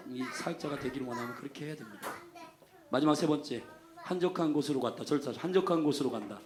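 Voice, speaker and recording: A male pastor preaching a Sunday sermon, emphatic, calling for amens, swinging between loud exclamations and soft asides. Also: fairly high pitch. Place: church sanctuary. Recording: echoey church sanctuary.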